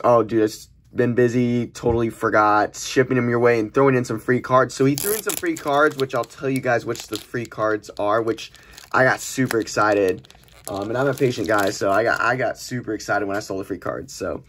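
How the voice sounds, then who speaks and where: A young man with a mid-range, fairly bright voice gives informal, chatty commentary while opening trading cards for his unboxing channel at a desk in a small room. The audio is noisy with clicks and the crumple and crinkle of packaging.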